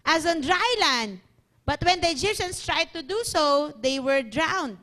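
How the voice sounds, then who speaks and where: A woman's voice: high voice, a bit bright. A woman preacher delivering a sermon, mixing English into her preaching and building to fervent repeated refrains. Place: church.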